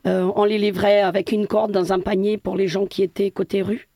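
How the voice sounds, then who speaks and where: A woman's voice: mid-range voice, flat delivery, a little fast, dark tone, no room sound. A middle-aged woman from Portugal, a building caretaker answering interview questions hesitantly with many fillers and restarts.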